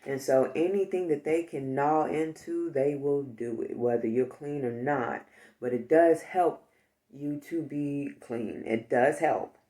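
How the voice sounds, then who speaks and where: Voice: medium pitch, unhurried, warm tone. A vlogger talking casually to the viewer, rambling and joking, with frequent asides. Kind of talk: casual chat.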